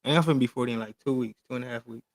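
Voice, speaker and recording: A man's voice: medium pitch, rapid-fire, dry recording. Slangy man in his thirties, dry mic. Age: 30s. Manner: loose, slangy, emphatic storytelling. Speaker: podcast host. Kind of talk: casual chat.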